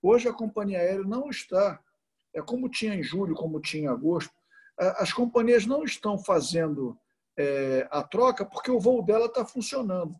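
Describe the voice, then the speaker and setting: This man, a tourism association president, appears as a guest speaker on a video call, answering questions in an online talk with many hesitations and restarts. His voice is high and slightly rough with a darkish tone, lively intonation, and a moderate pace.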